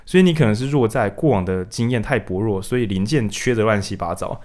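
A man's voice: fairly low pitch, fast, darkish tone. A man co-hosting a casual book discussion, acting out quotes in raised voices. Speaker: podcast co-host.

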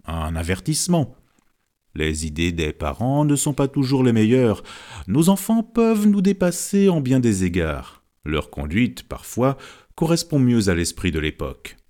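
A man's voice: mid-range voice, sing-song, a little slow, warm tone. A man voicing a confident older fortune teller who reads characters, in an audiobook. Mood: wry. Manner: confident, lecturing.

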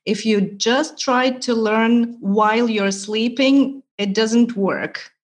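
On a podcast interview, a woman from Ukraine, a language teacher raised speaking Russian and Ukrainian, explains things in a measured way, pausing often. Her pitch is fairly high and her intonation fairly even.

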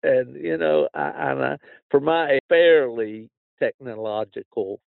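A man's voice: mid-range voice, sing-song, slow, vocal fry, no echo, phone-quality sound. An older man hosts a casual outdoors podcast in a folksy, plain-spoken way. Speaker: podcast host.

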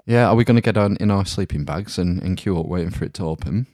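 A middle-aged man co-hosts a loose, joking podcast from inside a small caravan. His voice sits low, and the sound is tight and dry with very little room. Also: quick pace, dark tone, no echo. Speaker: podcast co-host. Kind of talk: casual comedic podcast chat. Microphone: online call, close dry sound.

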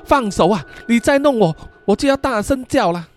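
A panicky, defiant young boy, put on by a man who snaps back in a shrill, indignant squeal. The voice sits far above the storyteller's own and swings wildly between highs and lows. It is lively and shaky all through. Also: moderate pace. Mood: flustered defiant.

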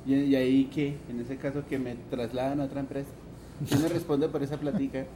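A man's voice: medium pitch, level tone, brisk, mellow, slight background noise. A man co-hosting a casual tech podcast, cracking jokes and bantering. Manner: wisecracking, banters. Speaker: podcast co-host.

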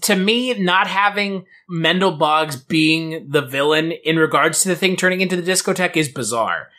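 A man's voice: a little high, moderate pace, sharp tone. A man co-hosting a podcast in casual comic chat, riffing with incredulity and some swearing. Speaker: podcast co-host. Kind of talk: casual comic chat about an old TV show.

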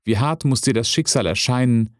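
A man voicing an excited, fretting village crowd with lamenting, exclamatory speech. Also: lowish voice, a little slow, slightly rough, dry recording, studio quality, full character voice.

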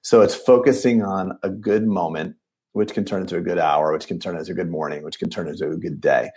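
A man in his late forties, a dentist guest talking in an animated, emphatic way on a podcast. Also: sits low, a little fast, slightly rough. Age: 40s. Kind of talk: casual podcast conversation.

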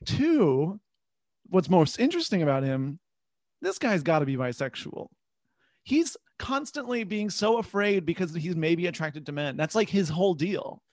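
A man co-hosting a podcast in casual comedic chat, playful with quick asides. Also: sits high, sing-song, no echo, clean studio sound. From lived in the American South. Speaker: podcast co-host.

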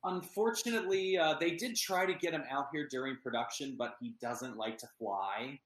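His voice is on the high side and fairly bright, at normal speed. He's an actor from Pennsylvania chatting earnestly as an interview guest, saying um a lot, on poor, reverberant audio.

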